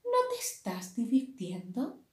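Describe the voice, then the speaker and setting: A woman's voice: fairly high pitch, huge pitch swings, slow, heavily acted. Pata, a cheerful kind duck, as a woman reads her. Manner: bright, friendly. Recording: roomy echo.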